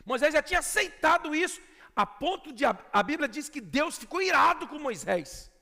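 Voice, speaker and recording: A man with a Brazilian Portuguese accent preaching a sermon as pastor, emphatic, swinging between shouts and quiet asides. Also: extremely high pitch, sing-song, moderate pace. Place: church sanctuary. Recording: long church reverb.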